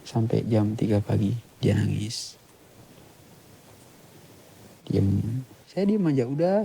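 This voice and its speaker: A man talking as a podcast guest, retelling an eerie experience in halting, plain speech with short, clipped sentences. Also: fairly low pitch, big pitch swings, vocal fry, mellow, slight background noise, rough recording. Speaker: guest storyteller, author. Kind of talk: casual spoken retelling of a ghost story.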